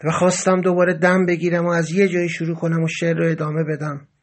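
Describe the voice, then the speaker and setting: High-voiced man narrating a dramatic story. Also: flat delivery. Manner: dramatic, rising to agitated outbursts in quoted speech.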